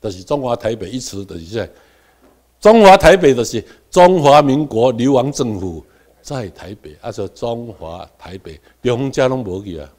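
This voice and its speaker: Taiwanese guy teaching a class, middle-aged, goes quiet then suddenly loud, makes everyone repeat words. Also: mid-range voice, expressive, normal speed. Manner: Taiwanese Hokkien mixed with English terms, leads the class in repeating words; swings between quiet asides and loud emphatic stresses. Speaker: lecturer. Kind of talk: classroom lecture.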